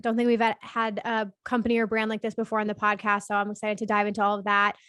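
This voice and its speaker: A woman's voice: mid-range voice, completely flat delivery, fast, a bit bright, smooth, no echo, studio quality. A woman hosting a podcast interview, bubbly and enthusiastic, talking casually with lots of fillers. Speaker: podcast host.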